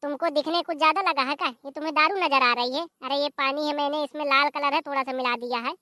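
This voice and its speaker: A voice actor playing a sharp-tongued, uneducated village wife in an animated comedy, firing back bossy retorts. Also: high-pitched, fast talker, dry recording, studio quality. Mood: snappy.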